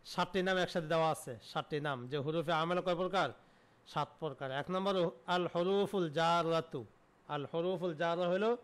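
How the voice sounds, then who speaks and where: A man's voice: high-pitched, fairly bright tone, clear, resonant tone. A man teaching an online Arabic grammar lesson. He asks questions and answers them himself, repeating key terms.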